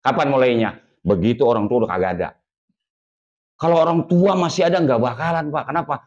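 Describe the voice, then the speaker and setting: Betawi guy preaching, folksy and lively, medium voice, dull lo-fi sound. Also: medium pitch. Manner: folksy and lively, slowing down to stress warnings. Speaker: ustadz preaching to a congregation. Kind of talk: sermon. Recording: dull lo-fi recording.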